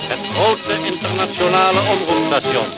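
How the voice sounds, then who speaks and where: A man's voice: sits high, animated, moderate pace. A man announcing a radio station in a formal way, heard as an old AM radio broadcast from an archive. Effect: old AM radio broadcast sound. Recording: distant old radio archive with loud music.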